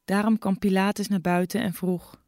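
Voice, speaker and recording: A woman's voice: mid-range voice, flat delivery, moderate pace, a little mellow, no echo, soft background music. Woman reading scripture, dry close sound. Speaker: scripture reader.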